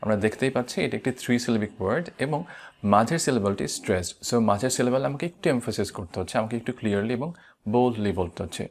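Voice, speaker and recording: A man with a Bangladeshi accent teaching an online English pronunciation lesson, saying each model word slowly and repeating it. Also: medium pitch. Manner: slow deliberate model words, repeats them.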